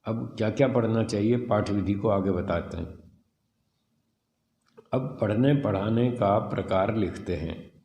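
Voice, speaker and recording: A man teaching a scripture class, reading a passage and explaining it slowly, sounding out letters one by one. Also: on the low side, warm tone, reverberant, long reverb tail, slight background noise. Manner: slow, deliberate, spells out sounds and letters. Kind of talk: explanatory lesson reading and commenting on a text.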